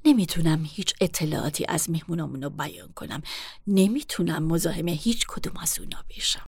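A woman's voice: lowish voice, expressive, vocal fry, breathy edge, no echo, studio quality, pitched below the performer's own voice, full character voice. A woman doing a curt, stern hotel clerk. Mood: stiff, curt. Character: stern middle-aged female hotel clerk, unhelpful.

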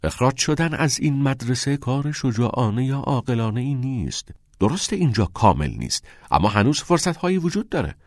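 A man's voice: medium pitch, hardly any pauses, no room sound, studio quality. A man voicing a witty, passionate teacher. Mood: earnest. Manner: expressive, teasing.

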